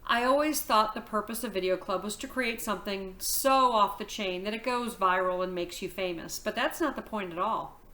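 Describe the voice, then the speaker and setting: A woman, a teacher reading a novel aloud to her class, telling the story in a lively, expressive way. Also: medium pitch, normal speed, hardly any pauses.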